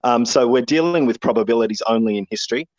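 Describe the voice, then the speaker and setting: A man's voice: medium pitch, quick pace, darkish tone, dry recording. Man on a lo-fi call. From Tasmania, Australia. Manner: frank, explanatory, argumentative. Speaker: guest speaker. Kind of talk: casual online discussion. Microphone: audio-only video call.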